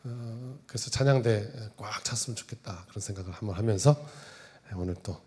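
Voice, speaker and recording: A man's voice: lowish voice, brisk, dark tone, husky. A male pastor preaching a sermon in a church, talking conversationally and joking with the congregation through role-play. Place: church sanctuary.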